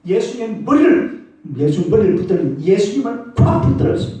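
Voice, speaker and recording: Man, pastor, lively sermon storytelling, mellow tone, distant mic. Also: high voice, brisk. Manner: animated storytelling, calls out for congregation replies. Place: church sanctuary. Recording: echoey church hall from a distance.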